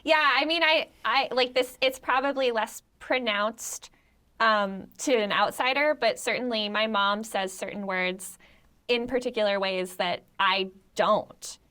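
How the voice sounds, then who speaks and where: A woman's voice: on the high side, measured pace, bright, forceful tone. An American woman guesting on a casual podcast, thinking aloud and searching for words. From United States.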